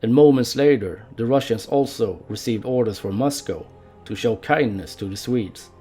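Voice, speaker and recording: A man's voice: mid-range voice, moderate pace, mellow, soft background music. A man narrating a history documentary, telling the story in an amused way and laughing now and then.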